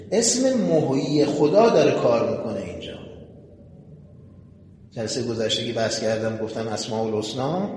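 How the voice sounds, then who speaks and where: A man preaching a sermon, retelling a story with animation and calling on his listeners to pay attention. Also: medium pitch. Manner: addresses the audience directly, animated retelling. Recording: echoey hall with long reverb, faint noise.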